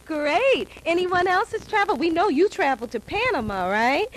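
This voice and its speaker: A woman from New York hosting a children's show, chatting with kids in a lively, encouraging way and laughing often. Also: extremely high pitch, normal speed, a little hiss or hum, low-quality recording. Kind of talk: casual chat with children.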